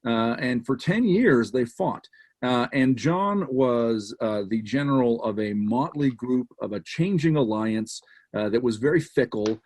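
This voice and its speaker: Animated storytelling man, mid-pitched. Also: unhurried. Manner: animated storyteller with frequent restarts and fillers. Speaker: guest author. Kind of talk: casual conversation.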